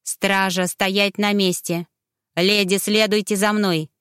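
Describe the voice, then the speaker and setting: A woman's voice: little pitch movement, a bit bright, smooth, no echo, studio quality. Woman doing a cold, curt noble boy. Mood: cold commanding. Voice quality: high boyish voice. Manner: curt, slow, commanding. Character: cold haughty noble boy, a young fiancé.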